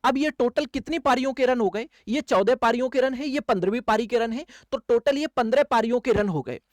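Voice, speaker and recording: Brisk and very high-voiced, a man coaches students in maths for exams, working through problems step by step like a classroom lecture. He repeats key phrases and answers his own questions, and the studio recording is clean with no room sound.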